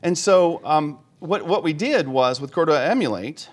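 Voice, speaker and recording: A man giving a live conference talk, demoing software on stage, joking with the audience and talking himself through each step. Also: fairly high pitch, expressive, moderate pace. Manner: joking, self-deprecating, thinks aloud while demoing. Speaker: conference speaker. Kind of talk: live tech talk demo.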